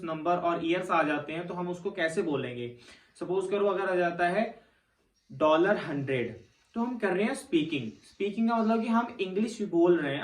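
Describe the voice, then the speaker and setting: Male tutor, high register, patient step-by-step explainer; roomy, distant mic sound. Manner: explains step by step, repeats "theek hai" to check in. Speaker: test prep teacher. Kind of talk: classroom-style lesson. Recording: echoey room, mic set back.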